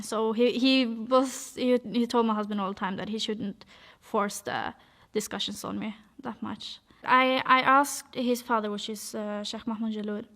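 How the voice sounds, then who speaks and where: Young woman from Norway, personal testimony, hesitant and halting, fairly high voice with an even, flat contour. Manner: hesitant, many fillers and restarts. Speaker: vlog speaker telling her story.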